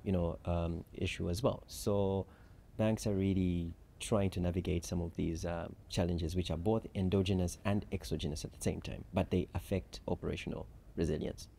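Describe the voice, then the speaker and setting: Interviewed at a conference, this chief risk officer from Zambia lays out his points calmly and methodically, leaning on "so" and "um." His deep voice carries vocal fry, with slight hiss or hum in the recording.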